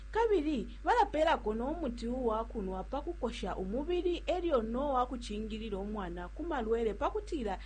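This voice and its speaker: A woman's voice: on the high side, darkish tone. A woman playing a caring, experienced mother who gives reassuring, persuasive advice to a younger mother in an acted radio health spot. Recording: humming, slightly noisy recording.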